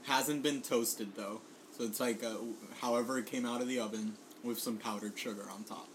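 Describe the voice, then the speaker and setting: A man from Puerto Rico talks through the dishes in an easy, chatty way. He swears freely and leans on ums and short laughs, at a middling pitch. A faint room hum sits under his voice. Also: fairly even intonation, normal speed. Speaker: guest bringing food. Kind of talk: casual food tasting chat.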